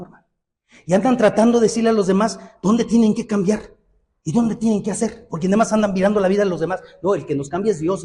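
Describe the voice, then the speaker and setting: A man preaching a sermon as pastor, with a Mexican Spanish accent, joking and lively, moving between loud exhortation and low asides. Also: long reverb tail. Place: church hall.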